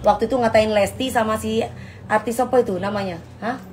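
Brash, high-voiced woman live-streaming. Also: fairly even intonation, brisk, a little hiss or hum. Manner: brash, trash-talking, calls viewers "say" and "sayang". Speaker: live-stream host selling bags. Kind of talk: casual live-stream chat.

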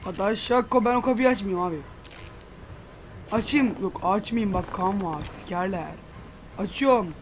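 A man's voice: high-pitched, moderate pace, long pauses, a little hiss or hum. A man playing a horror game and commenting casually, jumpy and panicky, swearing a lot and yelping when he gets scared. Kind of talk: casual let's-play commentary.

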